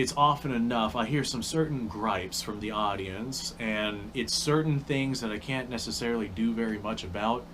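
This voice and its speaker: A man's voice: medium pitch, a bit bright, slight background noise. A man talking casually to camera, with upspeak that rises at line ends and rambling restarts, with the hiccups. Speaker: YouTube creator.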